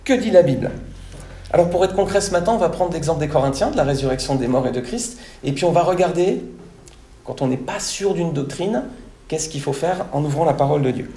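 A man's voice: a little high, brisk, mellow, reverberant, slight background noise. A man preaching a sermon to his congregation, teaching step by step and often checking with "d'accord?". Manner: didactic, repeats "d'accord?" to check understanding. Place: church hall.

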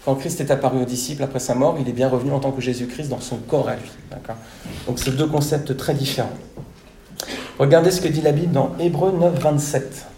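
In an echoey church hall with slight background noise, a man of medium pitch preaches a sermon briskly in a steady, warm tone. He teaches his congregation step by step in a didactic way, regularly asking "d'accord?" to make sure they follow.

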